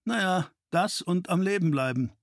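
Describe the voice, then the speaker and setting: A man's voice: sits high, lively intonation, normal speed, no room sound, studio quality, pitched above the performer's own voice. A male narrator voicing a cheeky, wisecracking young man who talks in breezy banter. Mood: joking.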